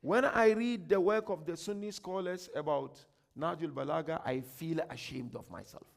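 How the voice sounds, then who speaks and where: Ghanaian man giving a gravelly, high-pitched sermon. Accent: Ghanaian English. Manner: emphatic, swings from loud declaiming to quiet asides; reads quotations slowly and grandly. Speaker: sheikh giving a workshop lecture. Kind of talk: religious lecture.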